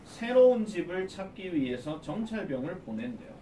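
An academy English teacher lectures in a classroom, explaining a reading text and repeatedly asking students questions he then answers himself. His voice is high-pitched and mellow, with big pitch swings and normal speed, recorded from a distance in an echoey room with slight background noise.

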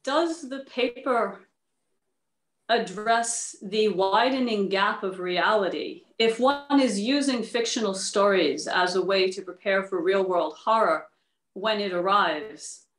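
A woman with a mid-range voice reads research papers aloud formally and slowly, also taking panel questions. She is on a video call from an indoor room using a tablet, and the audio sounds roomy.

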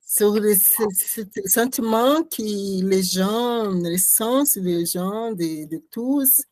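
A woman artist, not a native French speaker, talking about her performance in a halting way, searching for words and restarting often. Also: medium pitch, darkish tone, no echo. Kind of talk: conversational interview talk.

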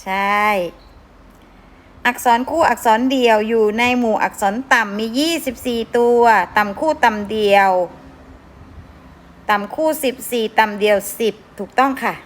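A woman teacher going through worksheet answers with her pupils, sounding out words syllable by syllable and often asking whether they follow. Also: on the high side. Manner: drawn-out syllable-by-syllable reading, frequent checking questions. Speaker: schoolteacher.

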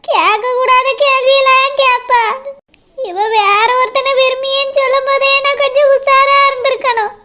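A woman's voice: very high-pitched, fairly even intonation, measured pace, bright, forceful tone, slight background noise, full character voice. A woman playing a wailing village mother. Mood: wailing lament. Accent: Kanyakumari Tamil. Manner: sing-song wailing lament. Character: older village mother wailing over a runaway daughter. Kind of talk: village comedy-drama acting.

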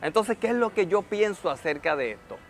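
A man giving motivational advice in a vlog, warmly encouraging the viewer and calling them friend. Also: sits high, very animated, a little fast, soft background music. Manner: acts out nervous beginners' voices in quotes. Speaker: network marketing motivational speaker. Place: hotel, ends showing a rooftop view.

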